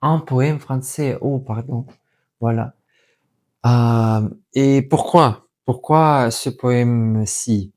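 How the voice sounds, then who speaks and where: A young Russian man speaks accented, non-native French in a casual vlog style. His voice is soft-edged and mellow, at a middling pitch. He goes slowly and haltingly, hunting for words and correcting himself as he goes. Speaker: vlogger and language learner. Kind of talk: casual unscripted vlog talk.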